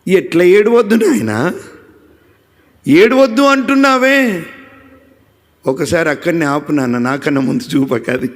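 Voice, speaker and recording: A man preaching a sermon as pastor, fervent and building to loud exclamations. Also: medium pitch. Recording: long hall reverb.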